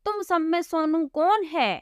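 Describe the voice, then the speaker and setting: A woman's voice: very high voice, measured pace, no echo, studio quality, voice pushed up. A woman doing stern accusing royal soldiers. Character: gruff male royal soldiers.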